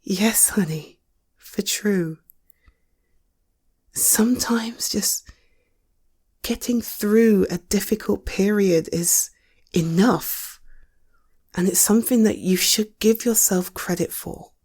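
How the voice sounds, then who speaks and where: In this intimate audio roleplay, a British woman voices a supportive, caring partner, speaking slowly and softly at medium pitch, pausing often, her voice slightly rough. Her manner is gentle, hesitant and coaxing, and the feeling is tender and consoling.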